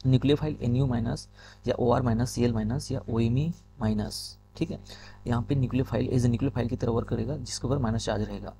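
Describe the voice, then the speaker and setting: Guy teaching chem off slides, keeps saying okay, reads english bits slow, gravelly, faint hum. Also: mid-range voice, fairly even intonation. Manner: repeats "ठीक है", reads English lines slowly. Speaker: chemistry teacher. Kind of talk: lecture explaining slides.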